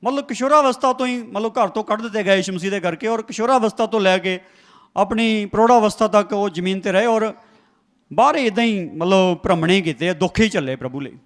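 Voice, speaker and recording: Emphatic high-voiced male preacher. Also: brisk. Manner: emphatic, repeats phrases, calls for congregation response. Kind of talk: sermon. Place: church before a congregation.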